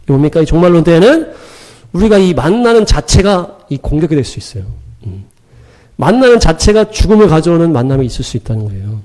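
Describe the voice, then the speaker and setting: Fast-talking animated male preacher. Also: fairly high pitch. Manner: animated, emphatic storytelling with sound-word punches; acts out quoted dialogue, chuckling. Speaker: pastor. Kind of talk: sermon.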